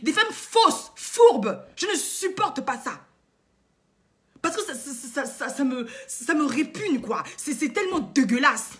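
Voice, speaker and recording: Brief: woman vlogger with a high voice, indignant, lectures her viewers through repeated rhetorical questions. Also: sing-song, unhurried, fairly bright tone. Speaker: online coach and vlogger. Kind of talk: impassioned moralizing monologue to viewers.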